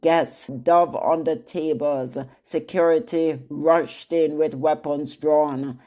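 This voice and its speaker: Slow, low-voiced female news narrator. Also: fairly even intonation, mellow. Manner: slow, grave, addresses viewers directly. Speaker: news channel host.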